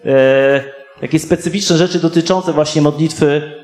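A slightly high-voiced man preaching to a congregation in an echoey church hall. He reads scripture slowly and keeps turning to the listeners with short questions. The room rings around his voice. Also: fairly even intonation, darkish tone. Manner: reads slowly with frequent rhetorical "tak?" asides. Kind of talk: sermon reading and explaining scripture.

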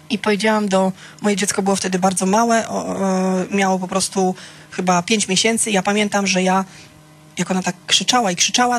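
Woman teaching a church group, conversational. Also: mid-range voice. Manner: conversational, keeps checking in with "tak?"; addresses listeners by name, asks questions.

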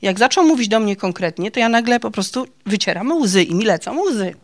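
A woman speaks at a mid pitch for a woman in a chatty faith testimony, confiding as if to friends. She keeps checking in with quick tag questions and laughs at her own stories. Her tone stays warm and natural. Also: animated. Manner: chatty and confiding, ends phrases with "nie?". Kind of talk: personal faith testimony talk.

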